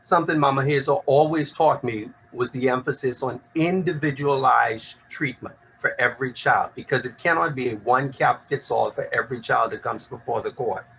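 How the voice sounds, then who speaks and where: Male lawyer, 30s, prepared speech, bright forceful tone, slightly muffled recording with faint hiss. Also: mid-range voice, gravelly. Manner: earnest, measured, stresses key words. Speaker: child rights lawyer giving a talk. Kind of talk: prepared speech at a law event. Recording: slightly dull recording with faint background noise.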